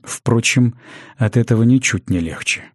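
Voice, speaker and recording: A man narrating a fantasy audiobook in a measured, even storytelling manner on a close studio mic. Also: medium pitch, no room sound.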